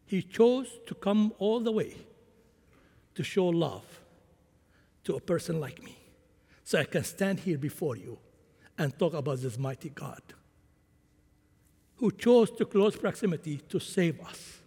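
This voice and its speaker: A man's voice: a little high, darkish tone, breathy edge. A man who grew up in Syria, preaching a sermon with impassioned swings in volume. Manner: impassioned, rising and falling volume. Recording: long hall reverb.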